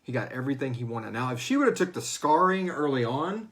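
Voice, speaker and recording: Here a man speaks in a bright, sing-song, medium-pitched voice, a little on the fast side. As host and writer of a serialized audio fiction series, he leads an informal question-and-answer discussion, acting out bits of character dialogue in passing.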